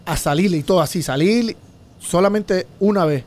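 A high-voiced man in his thirties from the Dominican Republic guests on a podcast, telling his story lively and fast with sound effects and gestures in a casual storytelling interview. He sits in a small studio with dark curtains, wearing headphones and speaking into his own boom-arm studio mic.

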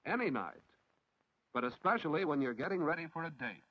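A man's voice: a little high, sing-song, brisk, husky. An American man narrating a 1940s instructional film like a newsreel narrator, in an instructive, approving way. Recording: dull, lo-fi 1940s film soundtrack.

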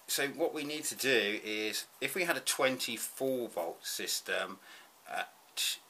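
A man's voice: fairly low pitch, bright, forceful tone, slight background noise. A man explaining a DIY solar setup in a casual, rambling way, with frequent ums as he draws at a desk. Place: indoors at a desk.

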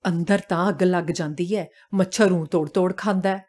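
A woman's voice: lowish voice, fairly even intonation, normal speed, darkish tone, close to an everyday voice. A woman voicing a sleepy village husband who grumbles and brushes off his wife. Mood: grumbling.

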